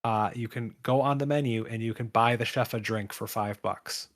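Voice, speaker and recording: Man, podcast co-host, casual chat, laughs a lot, mid pitch. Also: fairly even intonation, normal speed. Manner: laughing, chatty storytelling.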